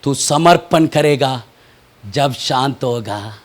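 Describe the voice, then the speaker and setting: A man preaching a fervent sermon as pastor, moving between shouted peaks and hushed asides, often asking questions and answering them himself. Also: medium pitch, takes it slowly. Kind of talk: impassioned Hindi sermon.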